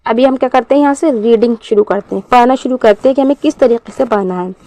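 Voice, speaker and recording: Her voice is a little high and mellow, recorded without echo, as she teaches a beginners' class in Quran reading. She slowly and clearly drills syllables and answers the very questions she asks.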